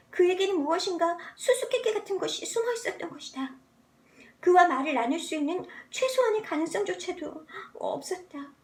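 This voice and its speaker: A woman with a very high voice narrates literary prose in the manner of an amateur audiobook reader. Her delivery is theatrical and deliberately altered, as voice-acting practice.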